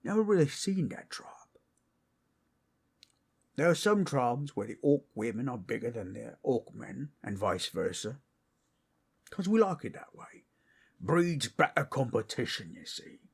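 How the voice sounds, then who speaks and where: A man voicing a boastful, friendly ork masseur in an ASMR role-play, with a rough, husky voice and a folksy, rambling way of talking. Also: medium pitch, very animated, a little slow, pauses often, heavily acted. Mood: chatty, dreamy. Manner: folksy, rambling, boastful fantasy-brute talk with rustic grammar.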